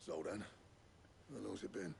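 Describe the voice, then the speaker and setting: An actor playing a blunt, stubborn male master blacksmith with a gravelly voice. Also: deep voice, fairly even intonation, moderate pace, a little mellow, slight background noise. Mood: gruff.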